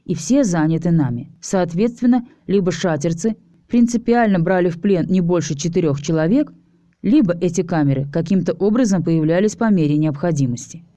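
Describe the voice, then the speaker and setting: A woman reads a story aloud in a steady, even voice, narrating as a man in the first person. Her tone is lowish and mellow. The recording is close and dry, with no room sound. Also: brisk, no room sound. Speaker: audiobook reader. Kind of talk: scripted narration.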